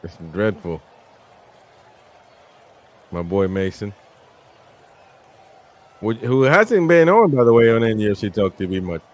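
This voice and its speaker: A man's voice: on the low side, sing-song, measured pace, long pauses. A tired man hosting a casual watch-along, calling the match play by play in a laid-back, chuckling way. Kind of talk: casual live match commentary.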